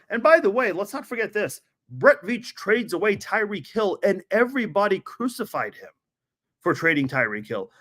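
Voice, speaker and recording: A man talks sports as a podcast host, with a voice hoarse from yelling at a game. It sits a little high for a man and swings widely in pitch. His delivery is casual and opinionated, leaning on rhetorical questions and broken up by awkward pauses.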